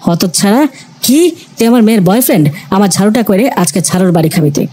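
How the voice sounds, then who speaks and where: A woman's voice: quick pace, warm tone, close to an everyday voice. A woman voicing a bossy middle-aged mother who scolds sharply. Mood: scolding. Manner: shrill, scolding.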